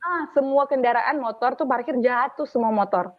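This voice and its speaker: A young woman from Palu, guesting on a podcast and telling her story in long, animated, run-on sentences. Her voice comes through a narrow, tinny phone-like line. The sound is completely dry, with no room echo. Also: high voice, normal speed. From Palu, Central Sulawesi, Indonesia. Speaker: radio announcer and podcast guest. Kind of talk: casual interview storytelling.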